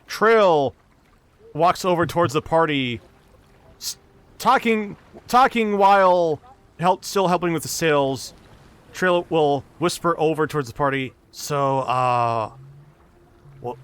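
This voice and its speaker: Smooth-voiced man narrating a tabletop game. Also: on the high side, measured pace. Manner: steady storytelling narration with small restarts. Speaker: dungeon master.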